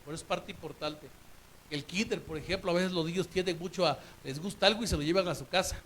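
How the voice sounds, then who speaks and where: A man's voice: sits high, fast talker, fairly bright tone, a little hiss or hum. A man preaching a sermon in a conversational way, asking rhetorical questions of the congregation.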